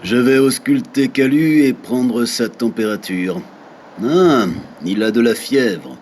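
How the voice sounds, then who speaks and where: A man reading the lines of a calm adult doctor treating a sick dog, in a plain, slow textbook manner. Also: medium pitch, slight background noise, lightly acted. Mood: reassuring.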